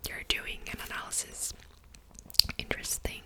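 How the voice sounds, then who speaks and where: Woman's hushed library whisper, whispered role-play. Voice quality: soft, breathy library whisper, almost entirely unvoiced. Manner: unhurried, explanatory, gently attentive. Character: patient, helpful female librarian serving a borrower. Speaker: ASMR performer playing a librarian.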